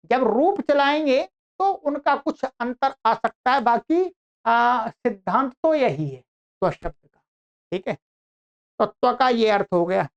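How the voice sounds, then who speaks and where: A woman teaching an online grammar lesson, explaining slowly and repeating her own questions to the class. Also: high voice, lo-fi sound.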